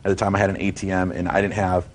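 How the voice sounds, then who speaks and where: Very deep-voiced, fast-talking defensive man. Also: level tone. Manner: rambling, repetitive, defensive. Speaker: defendant in a TV small-claims court. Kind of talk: spontaneous courtroom testimony. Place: TV courtroom studio.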